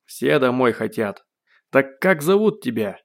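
A man voicing a gruff male guard shouting rough, bossy orders through a loudspeaker in an audiobook. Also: medium pitch, very animated, measured pace. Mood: exasperated. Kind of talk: audiobook character voice.

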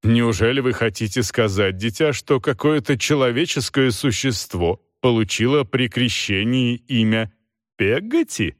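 A man's voice: medium pitch, measured pace, no echo, clean studio sound, lightly acted. A man voicing a stern, imperious older aunt in an audiobook reading, with a curt, commanding and dismissive manner. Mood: brusque.

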